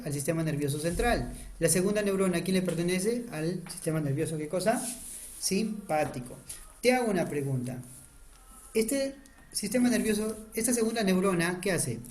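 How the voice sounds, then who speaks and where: In a high-pitched, darkish voice, a male lecturer draws on a diagram during an online anatomy class. He poses questions to the students, supplies the answers himself, and keeps urgently insisting they pay attention.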